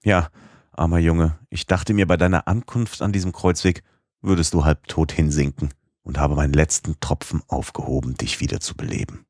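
A man's voice: rumbling low, fairly even intonation, moderate pace, a little mellow, dry recording, studio quality. A man reading a stern old professor uncle. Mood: tender. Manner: hard, urgent insistence.

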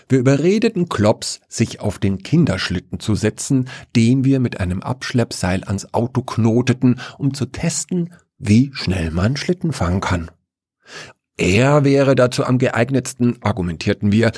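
A man reading a story aloud in a wry, even way. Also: on the low side, breathy edge, dry recording, studio quality. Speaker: narrator.

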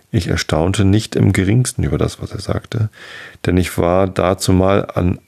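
A man narrating a folktale in the first person, telling it in a lively way. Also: low-pitched, vocal fry. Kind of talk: storybook reading of a folktale.

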